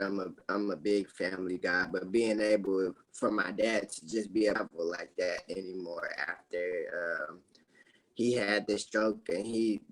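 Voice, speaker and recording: A young man speaking slowly in a lowish voice, taking his time with each thought. He talks as a guest in a relaxed interview, sprinkling in fillers and quiet laughs. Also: poor audio. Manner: relaxed and unhurried, with many fillers and soft laughs. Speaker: guest, former college basketball player. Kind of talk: casual interview talk.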